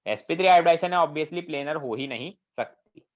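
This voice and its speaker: A man gives a classroom chemistry lecture in Hindi, mixing in English technical terms and regularly asking the class questions to check their understanding. His voice is a little high and a little fast, and the lo-fi recording sounds dull.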